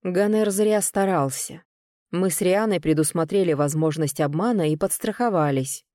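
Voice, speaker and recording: Calm cold calculating young lord, woman reading him, slow and even, dry close sound. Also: on the low side, no echo, lightly acted. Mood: cool. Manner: calm, measured and unhurried.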